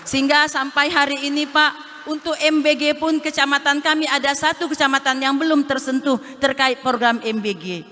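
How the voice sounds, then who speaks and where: A woman from Aceh makes a formal appeal on stage in a high, bright voice, pleading and addressing the official again and again. Her handheld mic rings out through a large hall with a long reverb tail. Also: steady tone, normal speed. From Aceh, Indonesia. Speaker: head of a regional social services office. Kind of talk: formal appeal at a national meeting.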